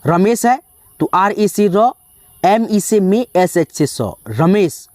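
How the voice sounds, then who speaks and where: A teacher slowly spelling out words one letter at a time, often calling the listeners friends. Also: mid-range voice, expressive, darkish tone, dry recording, clean studio sound. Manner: slow, drawn-out spelling with frequent "dosto". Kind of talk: spelling lesson.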